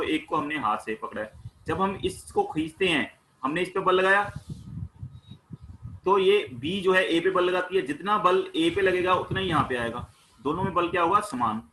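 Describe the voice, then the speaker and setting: Bright-voiced man teaching science. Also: a little high, a little hiss or hum, low-quality recording. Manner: asks questions and answers them himself; plain everyday explanations with household examples. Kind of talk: explaining a class 9 worksheet.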